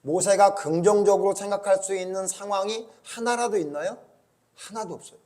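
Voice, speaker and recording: A man's voice: high voice, brisk, a little mellow. A male pastor giving a conversational church sermon, often asking the congregation rhetorical questions. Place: church service.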